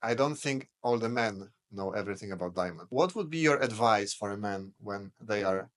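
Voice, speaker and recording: A man hosting an interview, asking brisk, direct questions. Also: fairly low pitch, lively intonation. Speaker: interview host.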